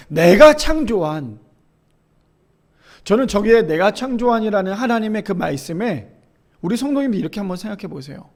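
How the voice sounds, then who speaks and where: A man in his thirties, a pastor preaching a sermon in a church, swinging from loud emphasis to hushed lines. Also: sits high.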